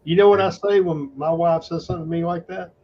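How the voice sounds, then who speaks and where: Blunt, profane man with a higher voice. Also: steady tone, fast talker, slight background noise. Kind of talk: casual opinionated chat. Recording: dull lo-fi recording.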